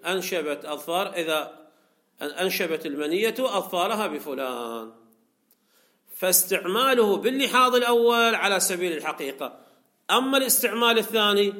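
A man's voice: high voice, pushed and bright. A man teaching a lecture class on rhetoric. He asks questions and answers them himself, and reads out a commentary and explains it. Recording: echoey room.

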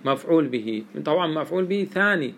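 A man's voice: a little high, lively intonation, fast, fairly bright tone, a little hiss or hum. A man teaching a classroom lesson on Quranic readings, explaining step by step and quizzing his students with questions.

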